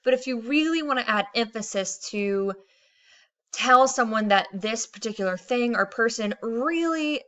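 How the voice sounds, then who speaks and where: A woman's voice: fairly high pitch, pushed and bright, highs cut off. A woman teacher explaining grammar patiently in a recorded lesson, reading out Spanish examples.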